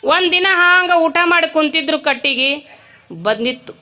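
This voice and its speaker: High-voiced North Karnataka woman preacher. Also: measured pace, a little hiss or hum. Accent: North Karnataka Kannada. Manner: animated, voices the characters. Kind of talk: comic sermon storytelling.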